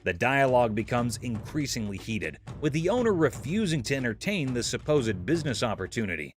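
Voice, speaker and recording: A man's voice: medium pitch, sing-song, fairly quick. A man narrating a scripted comedic recap, playful and exaggerated, full of jokey comparisons.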